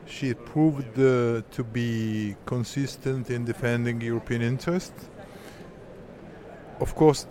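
A man from Italy, a newspaper journalist, answering in English with short pauses and fillers. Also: medium pitch, mellow. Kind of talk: interview answers.

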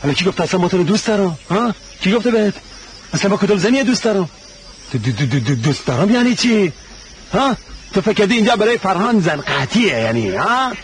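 Drama clip: a domineering, mocking clansman, fairly high voice, faint hiss behind. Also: big pitch swings. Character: stern proud clansman lecturing his cousin. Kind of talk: TV drama acting.

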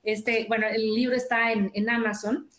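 A woman's voice: fairly high pitch, flat delivery, normal speed, a bit bright. A woman, a sales coach and author, chatting in an upbeat way in an interview and acting out quoted dialogue. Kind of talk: casual interview chat. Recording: roomy echo.

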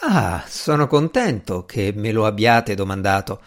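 A man's voice: fairly low pitch, big pitch swings, unhurried. A man reading the part of an ambitious, impatient young male magician in an audiobook, earnest and easily irritated.

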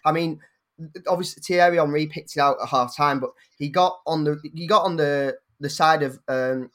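A man's voice: fairly high pitch, moderate pace, fairly bright tone. A man guest on a football podcast, talking enthusiastically and rambling a little. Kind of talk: casual football podcast chat.

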